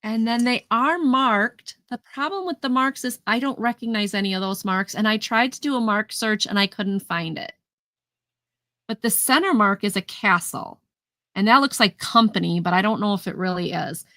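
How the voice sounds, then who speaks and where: A woman's voice: mid-range voice, normal speed, pushed and bright, dry recording. A woman hosting a casual live vintage sale, chatting as she describes each item in detail and counts down the sales. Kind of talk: casual live-stream selling.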